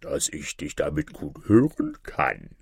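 A man voicing a cunning, mocking wolf in a fairy-tale reading, slipping into hushed whispers. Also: a bass voice, huge pitch swings, measured pace, gravelly, breathy edge, no echo, studio quality, pitched below the performer's own voice, exaggerated voice. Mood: menacing. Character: sly cunning big bad wolf, male.

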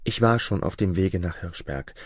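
A man's voice: low voice, lively intonation, moderate pace, husky, no echo, studio quality. A man voicing a grieving young maid. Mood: lamenting. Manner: lamenting, tearful.

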